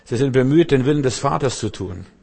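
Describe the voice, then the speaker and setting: A man preaching a free-flowing sermon in a mid-pitched voice. He talks straight to his listeners with rhetorical questions. His delivery swings between loud, lively bursts and quiet, low asides. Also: a little fast, gravelly, breathy edge. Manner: addresses listeners directly, often with rhetorical questions.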